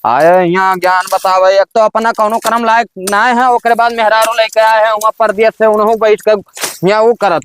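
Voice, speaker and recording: A man's voice: high voice, steady tone, normal speed, background noise, close to an everyday voice. A man with an Awadhi accent playing an overworked young village man in a comedy skit, grumbling and scolding in dialect. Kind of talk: rustic comedy skit acting.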